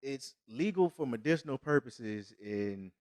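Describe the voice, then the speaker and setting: A man's voice: mid-range voice, animated, measured pace, darkish tone, no room sound, studio quality. A man co-hosting a podcast in casual, profane chat, emphatic and often restarting mid-thought. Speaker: podcast co-host.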